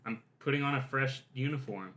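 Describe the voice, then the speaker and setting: Laid-back male player, dry delivery, bright tone. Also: mid-range voice, a little fast. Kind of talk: casual chat.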